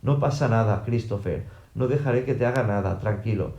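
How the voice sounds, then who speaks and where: A protective mother argues sharply and insistently in a storybook reading, played by a man. The voice stays mellow and low, with roomy echo. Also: fairly quick, natural voice. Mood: soothing.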